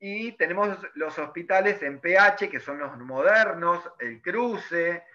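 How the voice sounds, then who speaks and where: A man's voice: sits high, lively intonation, slow, pushed and bright. Male teacher giving a class lecture, keeps checking in with the students, muffled lo-fi sound. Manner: explanatory, checks in with frequent "¿sí?". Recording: dull lo-fi recording.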